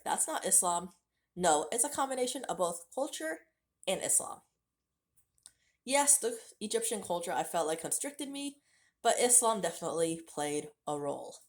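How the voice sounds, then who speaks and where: An American vlogger in her late 30s recounts her life story to camera with candid, conversational directness toward her viewers. She speaks with a fairly low pitch in this casual vlog.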